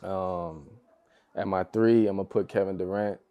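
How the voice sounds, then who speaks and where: Over phone-quality sound, a deep, steady male voice moves at a measured pace. The speaker is a young basketball player from the United States, guesting on a podcast and keeping things easygoing with frequent laughter and plenty of fillers. The interview feels relaxed and casual, his phrasing loose.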